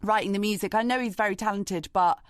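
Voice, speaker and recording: A woman's voice: medium pitch, fast talker, clear, resonant tone, dry recording, clean studio sound. A woman with a British accent co-hosting a podcast in casual chat, telling stories and laughing often. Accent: British English. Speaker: podcast co-host.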